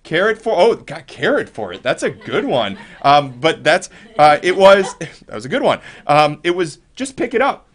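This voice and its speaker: A man's voice: on the high side, sing-song, normal speed, hardly any pauses. A man hosting casual, upbeat school morning announcements in an encouraging, chatty, jokey way.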